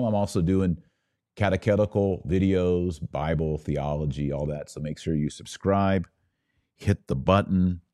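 Low-pitched and mellow, this male podcast host speaks on religious themes. His earnest urging leans on deliberate repetition, in the manner of a preacher addressing his audience.

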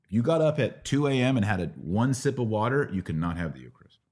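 Very animated and fast, his voice on the low side and a little mellow, a middle-aged American man answers religious questions on his Q&A podcast. He explains things didactically and keeps checking in with rhetorical questions.

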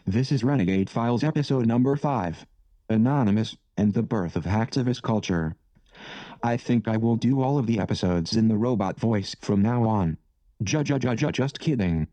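A man speaking through a metallic robot voice filter as a booming robotic announcer, opening his podcast in a stiff, announcing manner. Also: moderate pace, mellow, no echo, low-quality recording. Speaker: podcast host. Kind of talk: scripted podcast intro.

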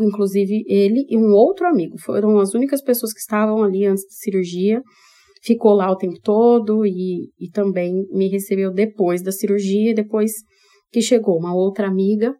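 A woman's voice: medium pitch, warm tone. A woman with a Brazilian Portuguese accent hosting a podcast, telling a personal story candidly and expressively, speaking straight to her listeners. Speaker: podcast host.

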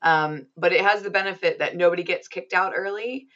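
A woman's voice: on the low side, brisk, fairly bright tone, dull audio. A woman hosting a casual gaming podcast, chatty and upbeat with frequent ums. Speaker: podcast host.

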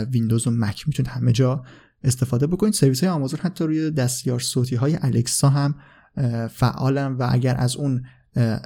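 Male podcast host, warm low-toned delivery, relaxed and hesitant, filler-heavy. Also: vocal fry. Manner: relaxed, frequent "uh" fillers, unsure of foreign names. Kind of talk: casual explanatory talk.

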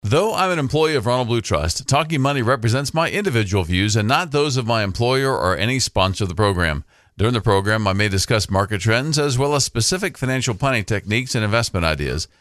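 A man's voice: mid-range voice, expressive, fast talker, a bit bright, dry recording, soft background music. A man, a radio host, reading out a scripted legal disclaimer.

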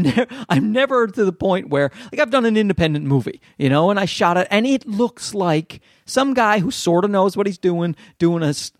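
A man's voice: sits high, no room sound, clean studio sound. A man with a Newfoundland accent doing a casual solo podcast rant, rambling, self-deprecating and sweary. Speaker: podcast host and amateur comedian.

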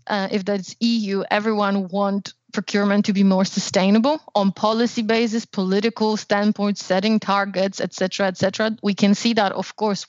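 A woman's voice: medium pitch, no echo. Woman co-hosting an academic podcast, lo-fi. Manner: thoughtful, hedging with "right?" and "you know". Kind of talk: casual academic discussion.

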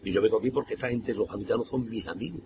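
Rambling older man, brisk. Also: on the low side. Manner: rambling, colloquial, keeps saying "tío". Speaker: carnival troupe singer. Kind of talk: interview. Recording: noisy ambient background.

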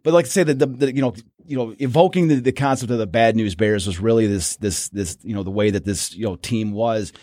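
A man's voice: lowish voice, a little fast, few pauses, dark tone, no room sound, studio quality. Rambling man talking sports history. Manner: rambling, many restarts and fillers. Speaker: podcast co-host. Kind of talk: casual sports history chat.

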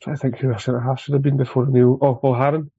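Male Scottish podcast guest, relaxed dark tone, little pitch movement, casual football talk, dry lo-fi sound. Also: fast talker, breathy edge, no echo.

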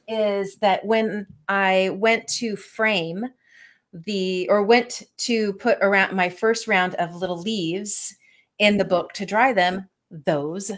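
Woman host sharing a reflective story. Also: mid-range voice. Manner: reflective, animated storytelling with many restarts. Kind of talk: casual chat.

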